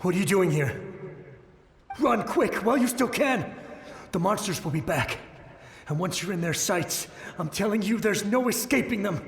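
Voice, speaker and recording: A desperate wounded soldier ghost. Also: male voice, sits high, animated, moderate pace, slight background noise. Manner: urgent, pleading. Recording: echoey reverberant space.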